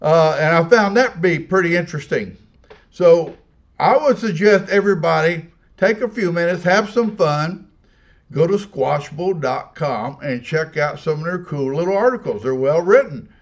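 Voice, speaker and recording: A man with a fairly high voice hosts his own paranormal channel, chatting straight to camera. He rambles in a stop-and-start way, full of fillers and repeated words, and recommends things in a friendly tone. The recording sounds dull and muffled. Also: expressive, normal speed. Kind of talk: casual talk to camera.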